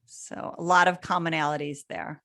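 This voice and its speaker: Low-voiced woman close to a dry mic. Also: little pitch movement, normal speed, bright, forceful tone, no room sound. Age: middle-aged. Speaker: career coach co-hosting a webinar. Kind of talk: reading chat comments aloud.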